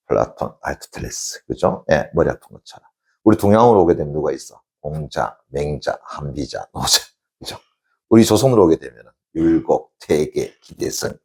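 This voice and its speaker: This teacher has a deep, gravelly, slightly rough voice. He brings a classical tale to life in a Korean classics lecture with animated storytelling and sound effects, repeatedly checking in with students and supplying the answers himself.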